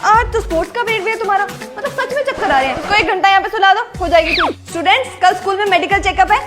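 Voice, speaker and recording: High-pitched woman in comic skits over music. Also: fast talker. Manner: lively, teasing, many voices. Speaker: skit performer. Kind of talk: comic skit acting. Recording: music bed under speech.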